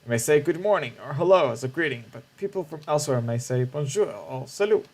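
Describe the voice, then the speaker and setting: A man's voice: on the high side, lively intonation, brisk, darkish tone. A man reading aloud the lines of a cheerful, jokey male language teacher from a game, in a playful lecturing manner.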